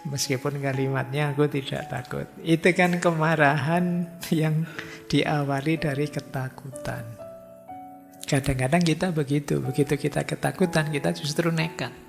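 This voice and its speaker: A middle-aged man giving an informal philosophy study lecture, telling lively stories with acted quotes. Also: on the high side, moderate pace, vocal fry. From Indonesia. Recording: music under long hall reverb.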